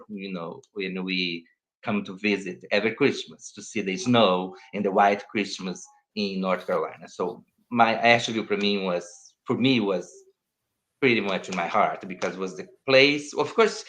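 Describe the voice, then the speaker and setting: Rambling and often restarting, an older man from Brazil chats casually as an interview guest, his phrasing non-native and his accent Brazilian Portuguese. He has a fairly low-pitched voice with a fairly bright tone.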